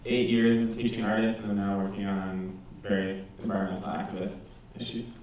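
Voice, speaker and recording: A man's voice: fairly low pitch, level tone, brisk, heavy background noise. A man in his thirties on a discussion panel, speaking thoughtfully on a handheld mic in a large auditorium. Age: 30s. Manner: thoughtful, appreciative. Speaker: panelist, environmental activist. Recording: echoey hall, from far off.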